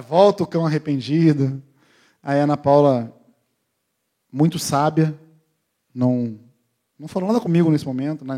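In this sermon, a middle-aged preacher whose voice sits a little high recounts a family tale with energy. He performs the different family members' voices as he goes.

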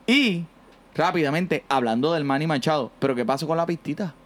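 A man hosting a casual sports podcast from home, energetic and teasing as he rattles off stats. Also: a little high, a little fast. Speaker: podcast host. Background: music bed.

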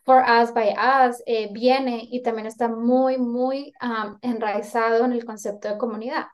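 A Colombian woman in her thirties chats casually as an interview guest, her fairly high voice carrying a darkish tone and fairly even intonation at a measured pace. She thinks aloud, earnest and a little rambling as she feels her way through her points.

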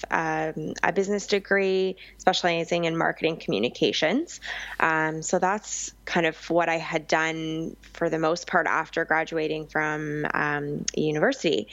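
Young woman, low voice, chatty with ums, dull dry recording. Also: dry recording. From Vancouver Island, Canada. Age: young adult. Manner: chatty, frequent ums and restarts. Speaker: business owner guest. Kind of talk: conversational interview.

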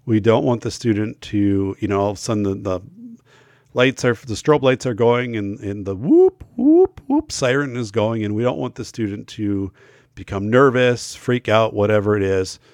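With a lowish, darkish and expressive voice at a moderate pace, a middle-aged man chats to camera as host of a school safety talk show. He's feeling ill and his voice is going, so his emphatic delivery is full of fillers and false starts. The studio-quality recording has no echo.

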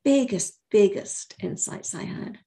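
Woman in her 60s, coach, chatty and reflective, laughs easy, talks it through slow. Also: mid-range voice. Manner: warm, reflective storytelling with frequent laughter. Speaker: life coach. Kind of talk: conversational interview.

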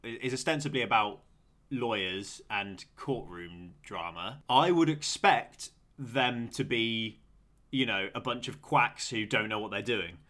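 Rambling, chatty podcast co-host. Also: male voice, on the low side, expressive, unhurried, sharp tone. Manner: rambling, chatty, laughs often, many fillers. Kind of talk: casual podcast chat.

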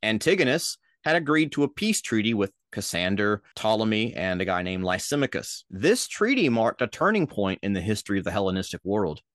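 A young man with a Minnesotan accent, hosting a casual history podcast as a lively storyteller with jokey asides. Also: fairly low pitch, a little fast, hardly any pauses, no echo, studio quality. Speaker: podcast host.

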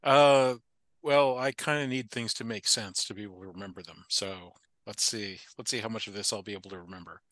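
A man's voice: on the low side, fairly even intonation, a little fast, fairly bright tone, no room sound. A man from the Appalachian United States, a podcast guest talking casually, thoughtful and digressive with frequent restarts. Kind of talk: casual conversation.

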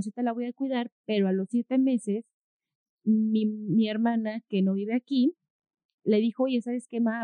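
Mom in a casual chat, slightly high voice, animated anecdotes, recorded dry over a thin phone-quality line. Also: female voice, dry recording. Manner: animated storyteller, acts out quotes. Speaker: co-host, mother. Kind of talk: casual conversation.

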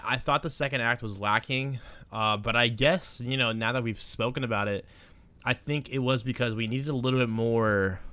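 A man's voice: medium pitch, bright, forceful tone, smooth, no echo. A young man co-hosting a podcast, chatting casually about films in an informal, slangy way with some swearing. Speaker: podcast co-host. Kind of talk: casual film chat.

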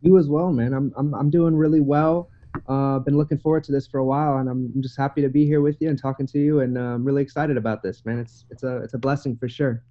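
A man's voice: medium pitch, fairly even intonation, fast, dull audio. A young man from Hawaii and Idaho, a guest on a podcast, who talks eagerly and friendly with frequent restarts over a remote call. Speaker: guest musician. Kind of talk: casual interview chat.

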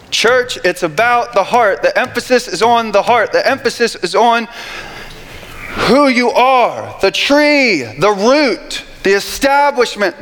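A pastor preaching a sermon to his church, building to shouted emphasis and repeating his phrases. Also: high voice, a little hiss or hum. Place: church sanctuary with congregation. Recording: reverberant church hall, faint ambience.

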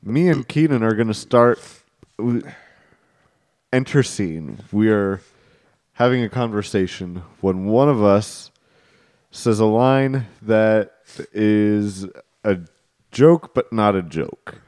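A man's voice: fairly low pitch, slow, darkish tone. Playful man hosting improv banter. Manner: playful, jokey. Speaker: host of an improv game. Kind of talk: casual comedic banter and improv.

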